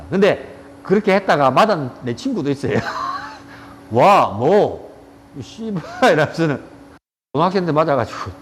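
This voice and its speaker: A man's voice: fairly high pitch, slight background noise. Blunt middle-aged man with a Gyeongsang accent. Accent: Gyeongsang Korean. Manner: blunt, joking, coarse slang. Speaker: yoga teacher. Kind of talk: casual lecture with anecdotes. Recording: reverberant room with faint ambience.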